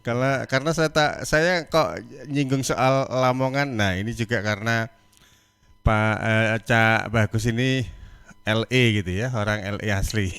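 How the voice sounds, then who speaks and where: A man's voice: mid-range voice, fairly even intonation, a little slow, a bit bright, smooth, no room sound. A man hosting a radio talk show in a friendly, chatty way. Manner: friendly, chatty, laughs between lines. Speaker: radio host.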